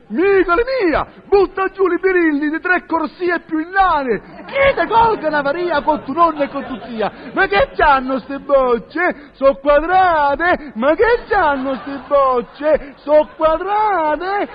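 A man playing a naive, boastful village shepherd who speaks an in a folksy, exclaiming way. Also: highs cut off. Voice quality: shrill, folksy, exclaiming in dialect. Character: naive boastful rustic male shepherd, middle-aged villager. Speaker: comic character telling his story. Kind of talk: comic monologue with acted dialogue.

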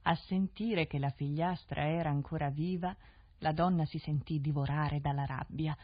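A woman narrating a fairy tale in an expressive, lilting storytelling style, on a 1970s radio recording. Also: low voice, moderate pace, no room sound. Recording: dull dry 1970s radio studio recording.

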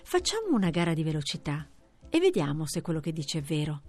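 A woman voicing a calm, patient female tortoise who speaks in a quiet, measured way in a storybook reading. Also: low-pitched, soft background music, heavily acted.

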